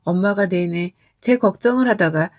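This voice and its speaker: A woman telling a first-person family story as scripted narration, in an even, reflective tone. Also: lowish voice, moderate pace.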